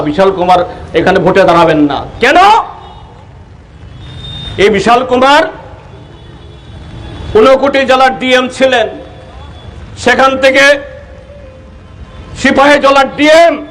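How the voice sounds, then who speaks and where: A man, an opposition politician, gives an impassioned statement to the press outdoors near a police office, rising to high emphatic peaks. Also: low-quality recording.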